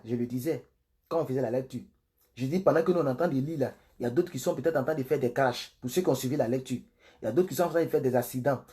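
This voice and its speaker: A man reading the Bible on a livestream and commenting between passages, slow and solemn in the readings and quick and chatty in his asides to viewers. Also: mid-range voice, warm tone. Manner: chatty, repeatedly urging viewers to share. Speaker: Bible reader and preacher.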